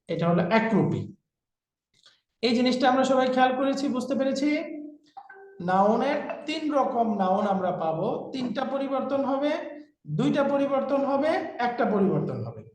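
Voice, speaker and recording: A man teaching an online class, patiently repeating each term for students to echo. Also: very high voice. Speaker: Arabic grammar teacher. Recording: very echoey room.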